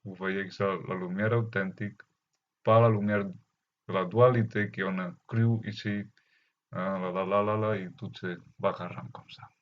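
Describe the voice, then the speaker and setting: Halting low-voiced man, foreign Spanish-Catalan accent. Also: steady tone. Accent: Spanish or Catalan accent in French. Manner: halting, searching for words in non-native French. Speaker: spiritual teacher. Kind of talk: unscripted spiritual message to camera. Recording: dull, lo-fi muffled sound.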